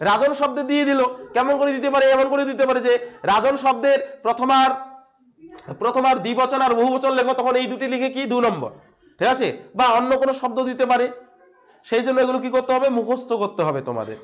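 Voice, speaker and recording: A man with a very high voice and a Bengali accent teaches a grammar lesson. He keeps asking his class questions, then repeats each answer himself and checks that they follow. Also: fast.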